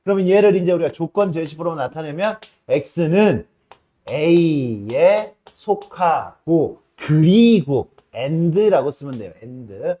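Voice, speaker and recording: Male math teacher, mellow and slightly high, chatty classroom lecture that slows for key terms. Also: animated, highs cut off. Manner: casual, asks students frequent checking questions.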